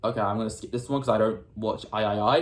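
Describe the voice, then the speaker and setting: A man's voice: on the low side, steady tone, fast, echoey room. A British man from the United Kingdom, answering fan questions in a casual, upbeat chat, reading each question aloud and often restarting his words.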